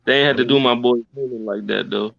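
A man's voice: medium pitch, fairly even intonation, fast talker, gravelly, no room sound. A man on a discussion panel, talking casually with heavy slang and firm opinions, on a dry lo-fi recording. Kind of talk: casual group chat.

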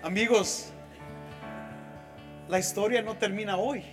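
Brief: male pastor with a very high voice, drawn-out delivery, echoey church, faint music behind. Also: steady tone. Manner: slow, emphatic, storytelling preaching that switches into English. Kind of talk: sermon. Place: church hall.

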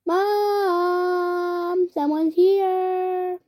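A woman reading the lines of a scared little girl who calls out high and urgently in a storybook. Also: flat delivery, very slow, a little mellow, exaggerated voice. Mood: alarmed. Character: scared little girl calling for her mother.

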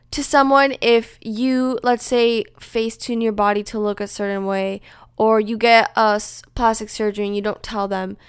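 A young adult woman with a high-pitched Valley Girl voice hosts a solo podcast, chatting casually and peppering her talk with filler words. The recording is smooth and dry, with clean studio sound.

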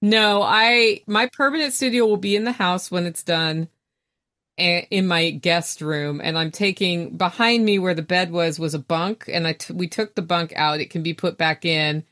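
A woman with a slightly low voice speaks in an informal interview. Her delivery is chatty and plain-spoken, in everyday conversational phrasing. She is recorded inside a small camper trailer. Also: moderate pace, fairly bright tone. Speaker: podcast guest, homesteader.

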